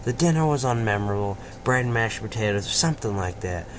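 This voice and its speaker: Reading a story aloud with casual asides, a fan fiction reader and host sometimes fumbles and repeats words in his informal amateur delivery. He's a fast, animated talker with a lowish voice. It was recorded at home, noisily and amateurishly.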